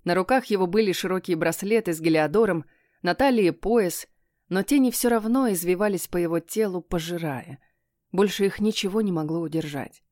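A woman's voice: on the low side, brisk, darkish tone, no echo. Woman narrating in a close dry voice. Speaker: audiobook narrator. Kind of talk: first-person fantasy audiobook narration.

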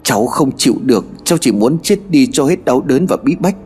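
A man's voice: medium pitch, animated, fairly quick, a little mellow, breathy edge, faint music behind. A man voicing a desperate, bewitched young man who stammers and speaks with a sense of grievance, in a spoken horror story. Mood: despairing. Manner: stammering, aggrieved.

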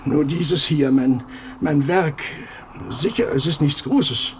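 An actor playing an aging inkwell collector in a radio play, who broods quietly and then flares up into shouting. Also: male voice, fairly high pitch, slow, a little hiss or hum. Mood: reflective. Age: older.

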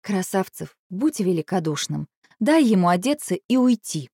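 A woman voicing a wife who answers quietly and curtly. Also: medium pitch, moderate pace, no room sound, studio quality, lightly acted. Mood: cold. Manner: quiet, curt. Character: wife, adult woman, guarded and cold.

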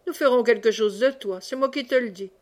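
A woman's voice: a little high, fairly quick, natural voice. A woman reading the part of a merry, chatty old friar who brawls and banters, in an audiobook. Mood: jovial. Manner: merry, rambling, teasing.

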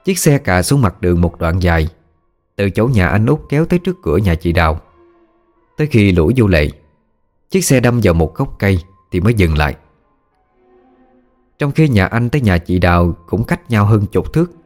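A man narrating a ghost story in a steady, plain way. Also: low-pitched, moderate pace, pauses often, faint music behind.

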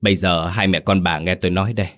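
A man voicing an older village father in a ghost story audiobook, giving orders in a stern, steady voice. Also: deep voice, fast talker.

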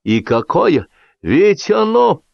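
Brief: high, pushy party host giving toasts, lively swings, read by a man, dry dull sound. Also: slow pace, vocal fry, dry recording, heavily acted. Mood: toasting.

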